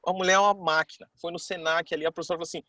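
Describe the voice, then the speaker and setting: A man's voice: on the high side, level tone, rapid-fire, sharp tone, dry recording, lo-fi sound. A man, telling a personal story to a class in a casual, chatty way and acting out the people he quotes. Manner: chatty, keeps saying "cara".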